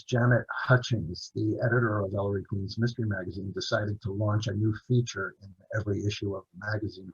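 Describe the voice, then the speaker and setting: Lo-fi sound carries a man's fairly low, slightly rough voice. An author and translator whose first language is English, he's an interview guest on a video call, telling long stories that meander with fillers and restarts.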